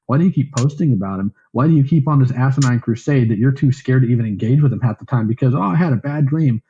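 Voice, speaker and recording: A man moderates a heated voice call, firing off scolding, confrontational questions at a rapid clip. His tone is dark and mellow, and the voice chat audio sounds dull and lo-fi. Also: medium pitch.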